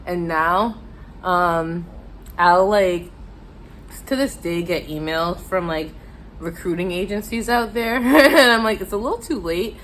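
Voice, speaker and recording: Lower-voiced American woman chatting through a mukbang. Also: measured pace, slight background noise. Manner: eating spicy noodles while talking, mouth sometimes full; informal and chatty, self-deprecating. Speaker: mukbang vlogger telling stories. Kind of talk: casual storytime chat to viewers.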